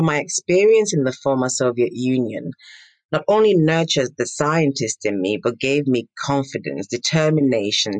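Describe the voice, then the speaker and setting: A woman's voice: low voice, a little mellow, no echo. A woman in her fifties from Nigeria answering interview questions in an earnest, emphatic, reflective way. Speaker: guest, pharma entrepreneur.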